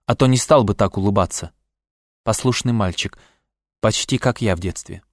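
A man reading a first-person novel aloud in a calm, reflective, melancholy manner. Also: lowish voice, moderate pace, no room sound, studio quality. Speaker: audiobook narrator. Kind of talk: first-person literary narration.

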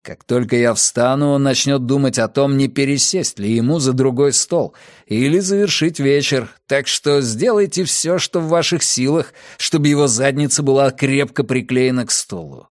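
A male reader voicing a cold, calculating young gang leader in an audiobook, giving orders in a flat, commanding way. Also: mid-range voice, normal speed, no echo, studio quality, lightly acted.

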